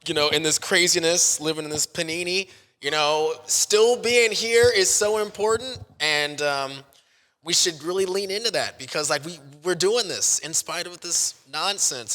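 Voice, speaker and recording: Bright-voiced American hype man in a reverberant hall. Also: a little high. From Kansas City, United States. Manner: self-deprecating, effusive. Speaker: interview guest, sports stadium host and hype man. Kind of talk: casual chat.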